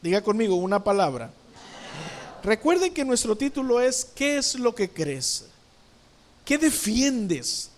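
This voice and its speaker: A man's voice: high-pitched, big pitch swings, measured pace, pauses often. A male pastor, preaching a sermon in church, asking the congregation questions and acting out scenes with sound words.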